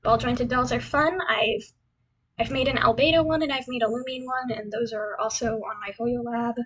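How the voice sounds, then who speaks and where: A young woman presenting as a cute anime-style VTuber introduces herself in casual livestream chat over a slideshow, rambling and repeating phrases in self-deprecation. Her voice is on the high side, husky and a bit bright, with fairly even intonation at normal speed, and the highs are cut off.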